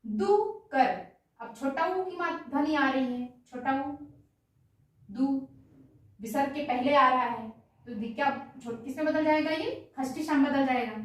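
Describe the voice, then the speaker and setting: A woman's voice: sits high, a little slow. A woman teaching an exam-prep grammar lesson who asks each question and answers it herself, repeating the answer. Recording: very echoey room, distant mic.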